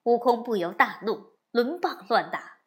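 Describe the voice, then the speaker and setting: A woman telling a classic story to young listeners in an expressive narration. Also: fairly high pitch. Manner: slow, expressive, lively storytelling.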